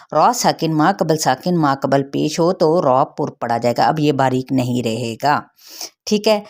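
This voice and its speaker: A woman with a low, deep voice teaches Quran recitation rules. She stretches out each word slowly to demonstrate it, then moves quickly through the explanation in a patient teacher's tone. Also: darkish tone. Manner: slow, drawn-out demonstration of words, then brisk explanation. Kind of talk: teaching tajweed rules line by line.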